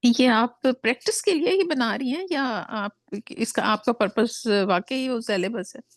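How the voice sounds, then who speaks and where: A woman's voice: a little high, normal speed, no echo. A woman student asking her teacher questions, with some hesitation and fillers.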